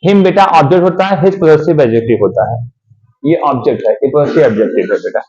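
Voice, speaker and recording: A man teaching English grammar to a class, coaxing and checking again and again that students understand, slowing down to dictate sentences. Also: fairly high pitch, a little mellow, dull audio. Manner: calls students beta, slows to dictate sentences.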